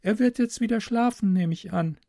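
A man voicing a secretive, childlike teenage girl in a whispered role-play, speaking slowly in a soft, hesitant whisper. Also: sits high, gravelly, no room sound, studio quality, voice pushed up. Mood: hushed, wary. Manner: soft hesitant whisper, slow careful words.

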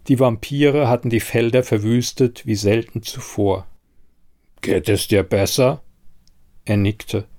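A male audiobook narrator with a grave, measured delivery and a mid-range voice. He reads at a slow, deliberate pace, letting each sentence settle. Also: medium pitch, dark tone. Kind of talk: audiobook narration of a dark fantasy story.

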